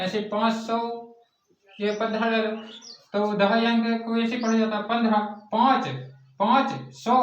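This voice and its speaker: A male teacher drilling a math lesson, asking questions and answering them himself in a repetitive classroom style. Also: sits high. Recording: echoey distant lo-fi classroom recording.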